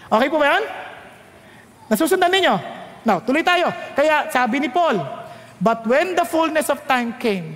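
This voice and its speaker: A man with a Filipino accent preaching a sermon, quizzing his congregation, reading scripture slowly and low, then rising loud when he urges them on. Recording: long echo of a large hall.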